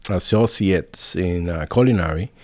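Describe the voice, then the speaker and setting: A man's voice: low voice, unhurried, darkish tone. A man in his forties from Puerto Rico with a Puerto Rican accent, a chef and restaurant owner chatting as a guest, modest and a little nervous. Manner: modest, brief answers, a bit nervous. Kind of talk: casual interview chat.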